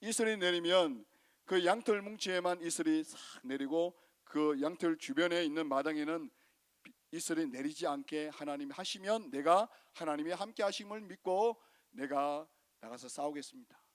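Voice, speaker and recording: A man's voice: on the high side, normal speed, lightly acted. A man preaching in Korean who acts out a reluctant young male warrior refusing and then bargaining with God. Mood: pleading.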